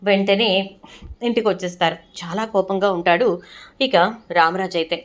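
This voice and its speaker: A woman retelling a television serial episode in a plain, steady storytelling voice. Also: mid-range voice, normal speed. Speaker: serial recap narrator.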